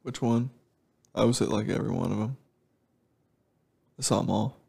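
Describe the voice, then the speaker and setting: A man with a lisp banters casually, cracking jokes and swearing freely. His voice is heavily gravelly, somewhat low, with a dark, mellow tone. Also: normal speed. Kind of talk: casual chat.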